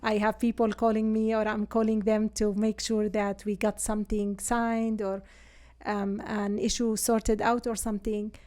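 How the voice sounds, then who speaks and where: A Syrian woman, a native Arabic speaker with an Arabic accent, is a real estate agent appearing as a guest in a conversational interview. She speaks earnestly and haltingly in a mid-range, level, slightly mellow voice.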